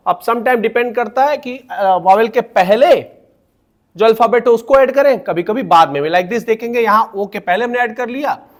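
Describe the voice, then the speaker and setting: High-voiced man teaching pronunciation. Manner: patient, explanatory, spells out words slowly. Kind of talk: classroom-style explanation.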